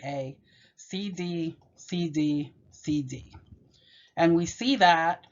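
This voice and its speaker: A woman giving a measured, explanatory poetry lesson and reading the poem aloud. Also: on the low side. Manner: measured, explanatory, with occasional self-corrections. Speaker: teacher. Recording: dull, lo-fi.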